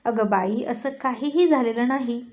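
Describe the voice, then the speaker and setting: A woman voicing a caring young husband who is a politician and gently teases his worried wife. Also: fairly high pitch, normal speed, natural voice. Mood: teasing. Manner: gentle, teasing reassurance.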